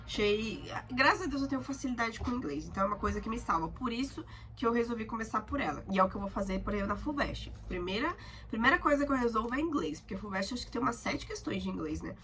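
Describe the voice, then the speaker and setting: A talkative young woman with a Brazilian Portuguese accent chats casually to camera as a student vlogger, her voice a little high and her speech fast. She tells stories in a chatty, animated way, with faint music in the background.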